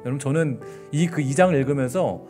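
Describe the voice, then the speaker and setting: A man's voice: medium pitch, brisk, a little mellow, faint music behind. A middle-aged man preaching a midweek sermon in a casual, conversational way, acting out scripture dialogue in everyday speech and restarting his phrases. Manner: frequent fillers and restarts. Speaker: pastor.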